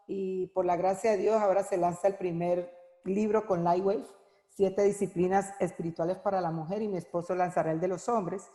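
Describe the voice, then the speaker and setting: A middle-aged woman giving an earnest, heartfelt personal testimony at an online women's conference, pausing often as she speaks. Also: on the low side, dark tone, roomy sound, big-room sound. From Colombia. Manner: earnest, heartfelt, halting with frequent pauses. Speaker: women's Bible teacher and speaker.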